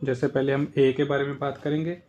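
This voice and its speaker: A man's voice: medium pitch, flat delivery, fairly quick, a little mellow, highs cut off, soft background music. A man with an Indian accent teaching a casual lesson, patiently explaining and repeating the example words. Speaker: German language teacher.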